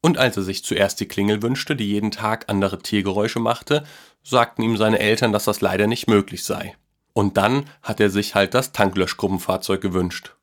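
A man telling a children's story aloud in a calm, even way. His voice sits fairly low and is steady and unhurried.

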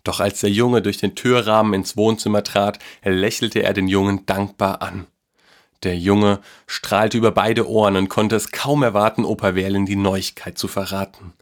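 Lowish voiced man reading a kids story out loud, calm and even. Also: normal speed. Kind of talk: reading a children's story aloud.

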